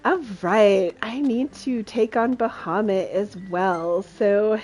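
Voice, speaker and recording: A woman's voice: mid-range voice, takes it slowly, a little mellow, poor audio. A woman streaming a video game, chatting with her audience and laughing often in delight. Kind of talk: live game commentary.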